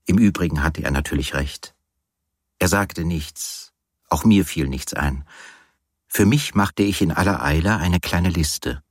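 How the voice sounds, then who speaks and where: A man reads a literary novel aloud in calm, measured first-person narration. His voice is very deep with a husky grain. The sound is close and completely dry. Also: dry recording. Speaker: audiobook narrator.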